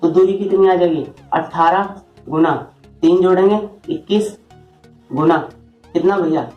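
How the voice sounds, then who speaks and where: The recording is lo-fi and roomy, with faint music behind, as a man speaks in a high, steady voice, a little slowly. He's at a board explaining math shortcuts, chatting informally and asking rhetorical questions as he goes through each step.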